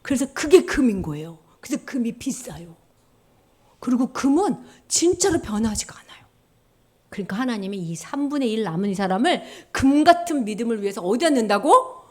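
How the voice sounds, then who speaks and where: Woman preaching to kids, high voice bouncing all over, acts out the people in her stories. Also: a little fast. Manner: animated storytelling, acting out voices. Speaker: children's pastor. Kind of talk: children's sermon.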